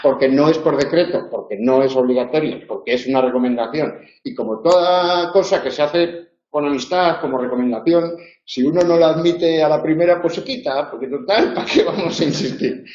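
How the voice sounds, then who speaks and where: A university tutor from Spain, speaking with a Spanish accent, lectures a tutorial step by step, correcting himself and often adding quick tag questions. His voice is a little high and a little mellow, and the classroom recording sounds roomy and slightly dull.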